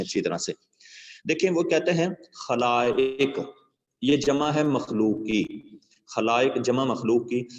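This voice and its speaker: A male teacher lectures his class on a poem, posing rhetorical questions, checking that students follow, and sharing moral stories. His voice is medium in pitch, and the dull audio carries the sound of a big room.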